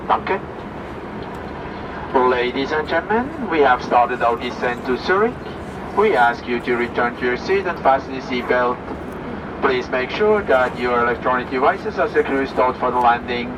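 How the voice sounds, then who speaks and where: A man on the cabin crew reading a formal, measured safety announcement over the cabin loudspeaker. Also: mid-range voice. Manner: measured, formal, read from script. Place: aircraft cabin in flight. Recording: muffled, distant, engine noise. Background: steady jet engine hum.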